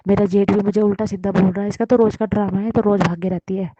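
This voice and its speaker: Woman, personal testimony, flat delivery, dull lo-fi sound. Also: medium pitch, fast, no echo. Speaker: devotee sharing a testimony.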